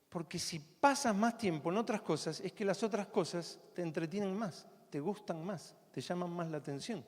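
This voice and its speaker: High-voiced preacher man. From Argentina. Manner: swings from loud urgent preaching to hushed intimate tones. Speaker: pastor. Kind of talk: sermon. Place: church hall. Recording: long church hall reverb.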